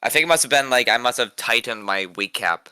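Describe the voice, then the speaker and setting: A man chatting excitedly in a casual roundtable, swearing and joking. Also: medium pitch, fairly quick, clear, resonant tone, no echo. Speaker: cosplayer guest. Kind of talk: casual chat.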